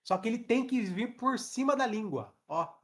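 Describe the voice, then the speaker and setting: A young man with a Brazilian Portuguese accent teaching a live online English class over his webcam. He demonstrates sounds out loud and keeps checking in with his students. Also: very high-pitched, lively intonation, normal speed.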